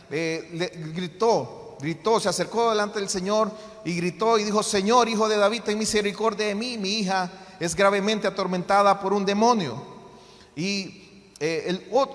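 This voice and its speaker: A pastor preaching a sermon in a high voice, with frequent hesitant fillers. He lifts to fervent cries whenever he quotes a plea from scripture. His voice carries a long reverb from a church hall. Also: fairly bright tone. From Honduras.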